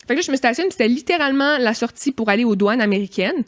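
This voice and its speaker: A woman with a Québécois accent, co-hosting a podcast and telling a story in a casual, animated way, mimicking noises as she goes. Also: a little high, racing. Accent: Québécois French. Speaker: podcast co-host.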